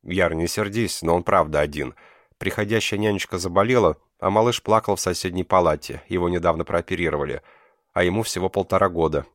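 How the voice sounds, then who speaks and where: A man's voice: low-pitched, brisk, fairly bright tone, no echo, clean studio sound. A man voicing a tender, tearful young wife and mother in an audiobook. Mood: pleading.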